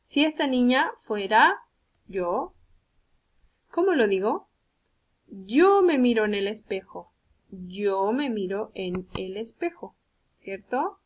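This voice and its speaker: A woman with a Chilean accent and a rather high voice gives a recorded lesson to young children as a speech therapist. She talks slowly and patiently, repeating examples and checking that the listeners follow. The recording sounds dull and lo-fi. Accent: Chilean Spanish. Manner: patient, slow and deliberate, checks understanding with tag questions. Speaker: speech therapist teaching a virtual class.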